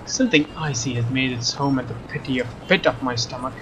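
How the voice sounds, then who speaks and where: Here a young man speaks quickly in a medium pitch, narrating a let's play. He alternates between theatrical story reading and offhand remarks about the gameplay. The recording is a little dull, with background noise and soft game music behind him.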